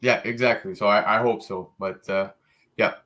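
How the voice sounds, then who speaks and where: A man's voice: fairly low pitch, steady tone, normal speed, bright, forceful tone. A man hosting a casual comics podcast, talking enthusiastically about covers with lots of fillers. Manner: laid-back, enthusiastic, frequent fillers. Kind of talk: casual chat.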